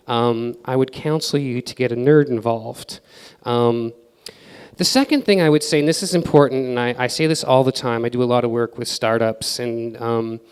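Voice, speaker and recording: A man's voice: medium pitch, clean tone. Casual man speaking in a reverberant hall. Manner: casual, filler-heavy advice with acted-out quotes. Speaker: conference speaker. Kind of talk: conference presentation. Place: conference hall.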